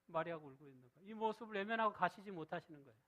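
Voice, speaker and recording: A middle-aged man preaching a sermon as pastor, often asking the congregation a question and answering it himself, moving between loud stressed phrases and soft, low reading of scripture. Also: lively intonation, rapid-fire, muffled recording.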